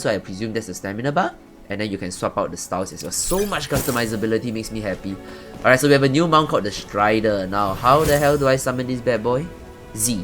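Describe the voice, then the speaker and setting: A man giving chatty, rambling commentary as the host of a casual let's-play. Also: lowish voice. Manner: chatty, rambling, swears lightly. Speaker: gaming channel host.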